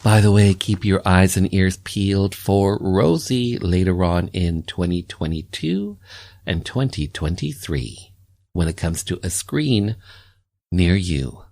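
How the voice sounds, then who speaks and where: A man's voice: deep voice, expressive, slow pace, vocal fry, darkish tone, no room sound. A man hosting a radio show, interviewing and announcing.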